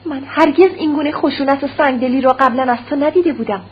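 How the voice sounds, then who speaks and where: A woman's voice: high voice, pitched above the performer's own voice, close to an everyday voice. A woman voicing a distraught young wife who stammers in a broken, pleading way. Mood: indignant. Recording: dull lo-fi recording with faint hum.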